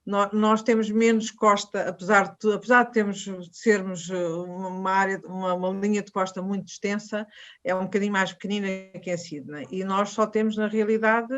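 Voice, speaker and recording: A woman's voice: medium pitch, fairly even intonation, a little fast. A woman in her late fifties with a European Portuguese accent, speaking as a webinar panelist, emphatic and insistent, often restarting her sentences. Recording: muffled video-call audio.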